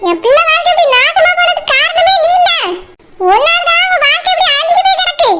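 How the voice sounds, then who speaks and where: A woman voicing a furious middle-aged mother who shouts accusations, with a Kanyakumari Tamil accent. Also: extremely high pitch, a little fast. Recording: loud background noise.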